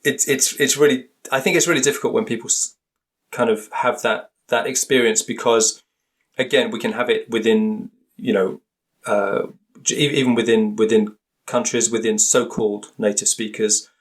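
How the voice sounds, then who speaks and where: This British man, a linguist and author, talks at normal speed with a medium-pitched voice and fairly even intonation. Being interviewed on a conversational podcast, he comes across as reflective and tentative, often reworking his phrasing mid-explanation.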